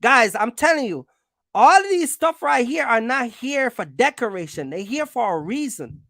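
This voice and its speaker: Speaking at a normal speed, the woman has a sing-song voice on the high side with a fairly bright tone, in a dry, studio-quality recording. She runs a trucking channel and gives advice in a laid-back explainer, using colloquial slang and emphatic, blunt repetition.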